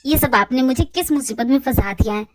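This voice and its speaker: A woman's voice: sits high, a little fast, voice pushed down, natural voice. A woman voicing an exasperated young newlywed man.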